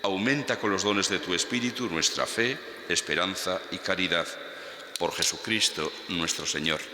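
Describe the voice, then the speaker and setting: A priest, intoning Mass prayers slowly and solemnly, heard with a cathedral echo in a large church. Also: male voice, low-pitched, pushed and bright, slight background noise. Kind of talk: liturgical prayer.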